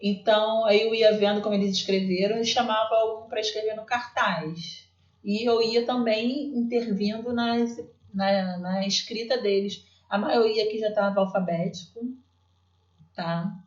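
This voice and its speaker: A woman's voice: medium pitch, steady tone, a little slow, roomy sound, muffled recording. A woman teacher with a Brazilian Portuguese accent, explaining her classroom literacy work in a chatty way, full of fillers and restarts. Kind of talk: explaining classroom practice to viewers.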